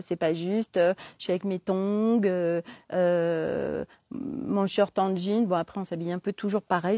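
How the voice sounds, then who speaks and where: A woman chats casually on a live stream, stumbling through fillers and restarts in loose, slangy speech. Her voice is mellow and soft-edged, in a middle pitch for a woman. The sound is dry and close. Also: dry recording. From southern France. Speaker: holistic coach.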